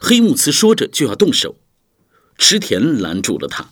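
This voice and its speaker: A man narrating an audiobook in a vivid, expressive way, with music behind. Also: medium pitch, normal speed, no room sound, studio quality. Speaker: storyteller.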